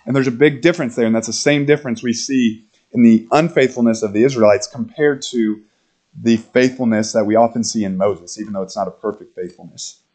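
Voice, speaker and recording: A male pastor preaching a sermon in a conversational, animated way, acting out quoted lines and laughing between points. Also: mid-range voice, a little fast. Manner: animated, acts out quotes in character voices.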